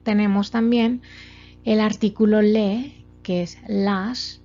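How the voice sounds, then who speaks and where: With a steady, mellow tone in the middle range, a female language teacher presents a grammar lesson on slides. Her delivery is slow and methodical, building each step with lots of examples, and the recording is a dull lo-fi capture with faint music behind it.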